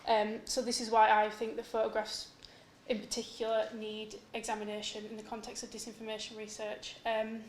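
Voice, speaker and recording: A woman's voice: on the high side, completely flat delivery, a little fast. A young woman giving an academic conference presentation about her research as a PhD student. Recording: echoey room with faint noise.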